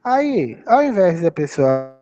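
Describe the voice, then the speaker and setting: A man's voice: a little high, sing-song, slow, warm tone, muffled recording. A man with a Brazilian Portuguese accent teaching English phrases, patiently repeating and spelling out words.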